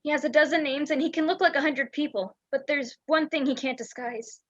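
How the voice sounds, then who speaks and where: Playing a scared, secretive spy in an amateur school radio play, a young student actor speaks urgently and dramatically, the mood grave. Her high voice is brisk and lightly acted, with fairly even intonation, captured in a dull lo-fi home recording.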